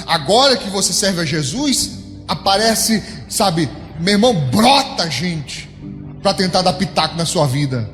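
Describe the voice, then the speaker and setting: A man with a Brazilian Portuguese accent preaching a sermon as pastor, emphatic and swinging widely in pitch as he addresses the congregation directly. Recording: long hall reverb with soft background music.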